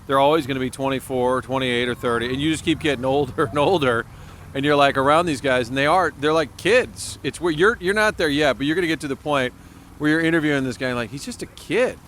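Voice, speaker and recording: A man's voice: medium pitch, fast, fairly bright tone, slight background noise. A man in his forties hosting a casual chat podcast, hyper and joking. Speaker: podcast host.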